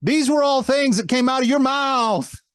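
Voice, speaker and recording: A man's voice: very high-pitched, moderate pace, clear, resonant tone, no room sound, clean studio sound. A man hosting a political talk show, delivering a monologue in a mocking, emphatic way that repeats words for effect.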